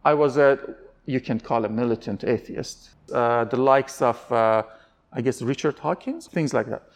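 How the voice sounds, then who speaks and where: A man's voice: mid-range voice, normal speed. A man from Iran, giving candid interview answers in an earnest, searching way, often restarting his sentences.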